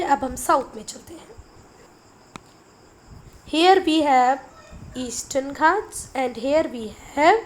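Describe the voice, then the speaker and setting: A woman with an Indian English accent teaching a class, switching between English and Hindi, who calls the students "beta" and keeps checking in with "okay?". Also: high voice. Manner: reads English definitions slowly, explains in quick Hindi. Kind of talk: online class lesson.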